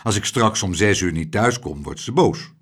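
A man's voice: fairly low pitch, animated, moderate pace, fairly bright tone, breathy edge. A man voicing a timid, fretful middle-aged husband in an audiobook, whining and self-pitying.

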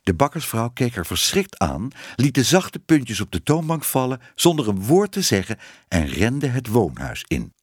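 Expressive male storybook narrator. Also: mid-range voice, slightly rough, no echo, clean studio sound. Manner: expressive, varied reading. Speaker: audiobook narrator. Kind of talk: scripted narration of a children's book.

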